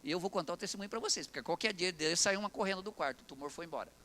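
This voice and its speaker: High, bright Brazilian preacher man. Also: racing. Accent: Brazilian Portuguese. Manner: animated, preaching with acted quotes and jokes to the congregation. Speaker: pastor. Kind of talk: sermon. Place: church.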